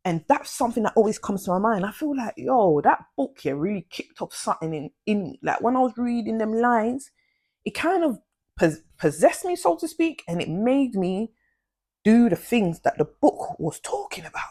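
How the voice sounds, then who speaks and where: A young woman telling a slangy, animated storytime vlog. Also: a little high, moderate pace, husky. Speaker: vlogger.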